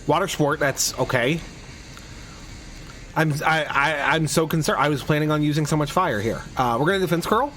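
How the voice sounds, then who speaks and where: A man's voice: fairly high pitch, normal speed, fairly bright tone, faint music behind. A man hosting a casual game playthrough, chatting and rambling through his moves with frequent restarts. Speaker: host of a game playthrough podcast. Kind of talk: casual let's play commentary.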